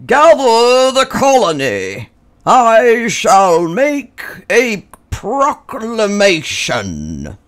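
A woman's voice: fairly high pitch, huge pitch swings, drawn-out words, voice pushed up, full character voice. A woman voicing a heroic, regal old male mole rat grandpa, proclaiming grandly for a children's storybook. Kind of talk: children's storybook read-aloud.

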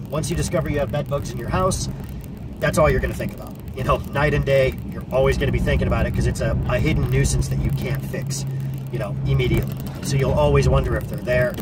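Man talking from the driver's seat. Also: mid-range voice. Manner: earnest, practical advice with frequent "you know" and restarts. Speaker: pest control technician. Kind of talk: casual explainer monologue. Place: parked car, indoors of vehicle. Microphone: camera on dashboard. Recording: distant car-cabin sound with loud background noise.

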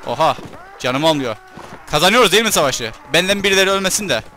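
A man doing casual let's-play commentary with a Turkish accent, excitable and shouting at enemies during battles. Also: fairly high pitch, fast talker, slight background noise. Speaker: gaming YouTuber.

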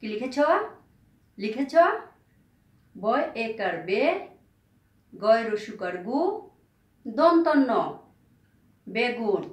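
Slow, patient woman teacher spelling aloud. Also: on the high side, roomy sound, recorded from a distance, poor audio. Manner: slow, spells each word letter by letter and repeats it; patient, checks if pupils have written. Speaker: primary school teacher. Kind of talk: recorded classroom lesson.

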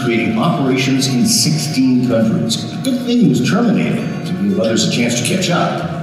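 A man's voice: medium pitch, far from the mic. A man narrating a tribute video in a scripted, emphatic announcer style. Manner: lively, emphatic announcer delivery. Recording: video played over hall speakers, echoey.

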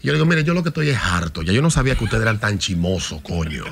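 Talking very fast with big pitch swings, this Dominican man has a voice on the low side with vocal fry. As a podcast-studio guest at a stand-mounted mic, he tells a story heatedly and with plenty of profanity, in casual conversation marked by his Dominican Spanish accent.

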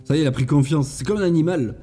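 A man's voice: a little high, very fast, mellow, breathy edge, faint music behind. A man hosting a gaming channel, chatting casually and thinking aloud as he plays, with jokey asides. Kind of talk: casual let's-play commentary.

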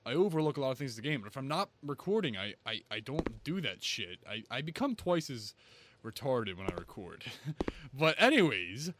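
A man giving excitable let's-play commentary, swearing freely and breaking into loud yelps. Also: medium pitch, brisk, a little hiss or hum. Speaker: gaming video creator.

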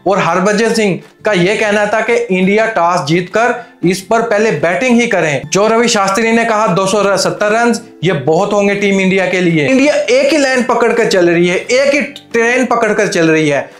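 A young man speaks to camera in a high voice, breaking down a cricket final with rhetorical questions and English phrases mixed in. He wears a lapel mic in a small studio set. The sound is roomy with faint music beneath. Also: moderate pace, few pauses. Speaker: cricket commentator. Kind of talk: opinionated match analysis to camera. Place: indoor studio set with armchair.

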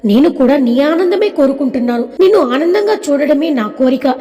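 An obsessive, jealous young woman, read by a woman narrator, pleading and threatening by turns. The voice sits high and mellow, with a long reverb trailing behind it. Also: animated, a little fast.

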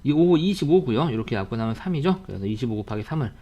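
Brisk male math teacher lecturing. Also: medium pitch, lively intonation, dark tone, lo-fi sound. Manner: brisk, repeats reminders, friendly lecturing with asides. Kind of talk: online video math lecture.

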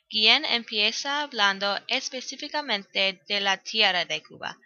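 A woman's voice: medium pitch, pushed and bright, no room sound. A woman student reading a prepared poem analysis aloud, evenly, with some grammar slips. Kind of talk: read-aloud school presentation. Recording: dull, dry lo-fi recording.

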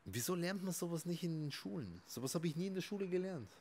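A man, a rabbi, giving an emphatic motivational talk that swings between soft and loud. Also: on the high side, sing-song, fast talker, slight background noise. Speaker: rabbi and therapist.

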